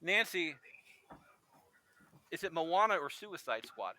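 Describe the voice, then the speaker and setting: A man's voice: a little high, big pitch swings, slow, bright, forceful tone. A man hosting a casual podcast chat, joking and rambling with frequent restarts. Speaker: podcast host.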